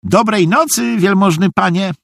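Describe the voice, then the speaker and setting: A man's voice: high-pitched, measured pace, vocal fry, no echo, studio quality, pitched above the performer's own voice. A man voicing a cheerful, simple-minded middle-aged soldier who talks naively and earnestly. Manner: naive, earnestly obliging, rambling.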